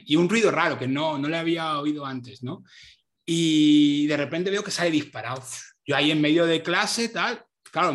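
Male guest, bright and high, animated storyteller, frequent laughs. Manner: animated, laughs often, many restarts. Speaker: guest, Spanish teacher. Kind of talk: casual storytelling in an interview. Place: home.

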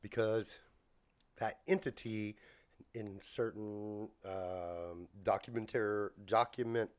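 A man co-hosting a casual podcast, rambling through halting explanations while getting over a bronchial cough. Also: on the low side, steady tone, clear, resonant tone. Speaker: podcast co-host.

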